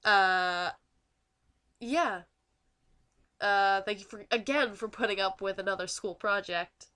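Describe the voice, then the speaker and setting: A woman's voice: medium pitch, takes it slowly, sharp tone. Teen girl, nasal and stuffy, chatty, self-deprecating, school project voice-over. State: stuffy nose from a winter cold. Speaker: student YouTuber.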